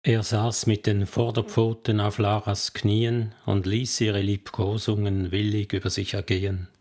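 A man narrating an audiobook novel in a measured, even storytelling manner. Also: fairly low pitch. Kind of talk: scripted narration.

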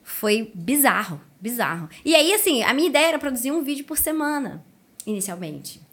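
High-voiced woman telling her story. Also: fairly quick, husky. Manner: animated, lively retelling with quoted dialogue. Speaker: podcast guest. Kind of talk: casual storytelling chat.

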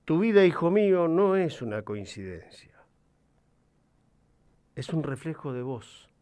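A man voicing a gentle, wise father who patiently explains life to his young son in a soft, calm voice. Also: on the high side, unhurried, clear, resonant tone. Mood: tender, wise.

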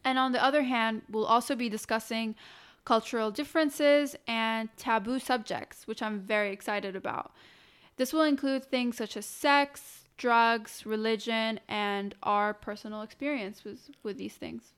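A woman from Iraq and Oman co-hosts a casual podcast chat. Her voice is smooth and clear, set a little high. She talks in a playful, teasing way. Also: steady tone, unhurried, a bit bright. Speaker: podcast co-host.

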